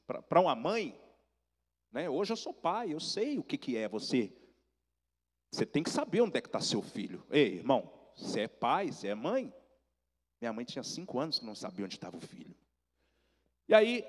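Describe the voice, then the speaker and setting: Animated Minas Gerais evangelist. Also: male voice, medium pitch, in a large hall. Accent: Minas Gerais Portuguese. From Brazil. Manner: animated storytelling, addresses listeners directly. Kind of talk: testimony sermon.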